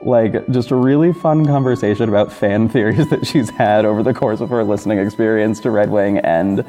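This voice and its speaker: Over background music, a man with a warm, somewhat low voice talks at a brisk clip. He's an audio drama creator and podcast host addressing his listeners alone, casual, effusive and gushing.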